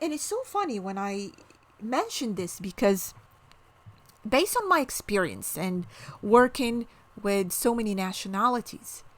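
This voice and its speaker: A middle-aged Moroccan woman with a fairly high pitch gives an educational talk explaining culture and ethnicity. She asks the viewer questions and offers examples.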